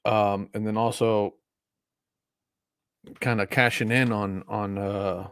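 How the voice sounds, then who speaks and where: A man's voice: on the low side, fairly even intonation, takes it slowly, a bit bright, clean tone, no room sound. Casual stream host: man, early forties, loose rambling delivery, dry close sound. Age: 40s. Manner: rambling, frequent fillers and restarts. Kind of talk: casual live stream chat.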